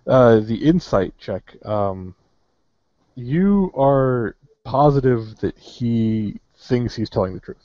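A man's voice: medium pitch, animated, slow, dry recording, muffled recording. A man running a tabletop game as game master, hesitant and full of fillers.

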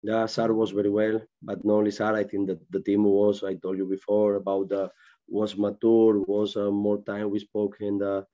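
A man in his forties, a football manager at a post-match press conference, answering in halting, searching English over a video call. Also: fairly low pitch, monotone, warm tone, lo-fi sound. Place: press room with sponsor board.

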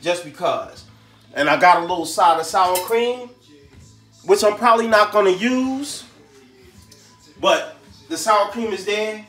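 A man's voice: high-pitched, a little slow, long pauses, bright, forceful tone, faint music behind. A man hosting a home cooking show, talking casually to viewers in slang while he fills potatoes. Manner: slangy, chatty, talks to viewers as he cooks.

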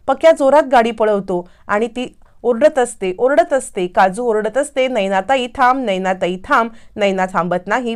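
A woman narrating a TV serial episode recap, acting out every character's lines. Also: mid-range voice. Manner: brisk storytelling, acts out all dialogue.

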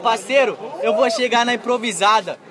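A young Brazilian man raps mocking freestyle bars in a strained, very high voice, leaning on the same tag phrase again and again. The recording is outdoors in a city square, buried in a very loud, cheering crowd. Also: moderate pace. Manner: mocking, with repeated filler tags. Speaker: freestyle rapper. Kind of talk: improvised battle rap.

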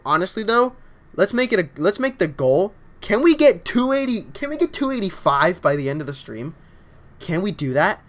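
A young man streaming a video game live, chatting casually and excitedly with his viewers as he reads their messages. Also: high voice. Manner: excitable, upbeat, often starts lines with "yo, honestly". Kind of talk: casual livestream chat while reading viewer comments.

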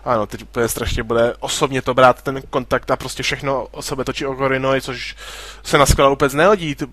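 A man's voice: medium pitch, fairly even intonation, a bit bright. A man hosting a let's play, reading the game's dialogue and adding casual, joking asides. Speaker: gaming video host.

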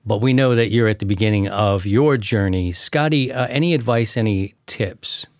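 A man's voice: fairly low pitch, moderate pace, no room sound. A middle-aged man casually hosting a panel, speaking into a close studio microphone. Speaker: show host. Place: home studio, indoors, video call.

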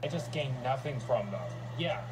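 A tired, exhausted man ranting in a halting way, full of fillers and restarts, just after leaving work. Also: mid-range voice, expressive, background noise. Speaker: ranter answering critic. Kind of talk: casual rant.

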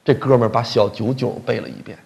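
A man giving a comic storytelling lecture in a colloquial, animated way, often asking the audience questions. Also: mid-range voice, fast, gravelly.

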